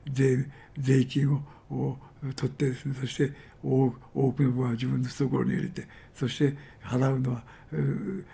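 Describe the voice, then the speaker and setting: In a storytelling sermon, a pastor speaks with a very gravelly, husky voice that's fairly high for a man but still dark and mellow. He relies on filler words and repeats words to stress his points.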